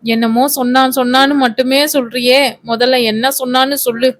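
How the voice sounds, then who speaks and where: A woman's voice: high-pitched, flat delivery, a little fast, no echo, close to an everyday voice. A woman reading the part of a stern, impatient middle-aged mother who scolds her daughter. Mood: scolding.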